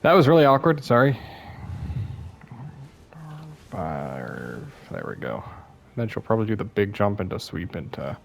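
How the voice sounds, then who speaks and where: A man's voice: on the low side, wildly swooping pitch, normal speed, vocal fry, a little hiss or hum. A young man giving casual, self-deprecating commentary over his gameplay, sounding a bit worn out and apologizing often. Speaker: gaming YouTuber.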